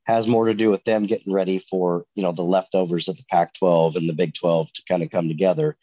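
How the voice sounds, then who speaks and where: An American man, sick with a head cold and stuffy nasal voice, chatting haltingly as co-host of a casual sports podcast. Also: low-pitched, steady tone, dark tone, no room sound. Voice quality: congested, nasal, stuffy with a runny nose. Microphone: online video meeting call. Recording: dull, lo-fi remote call audio.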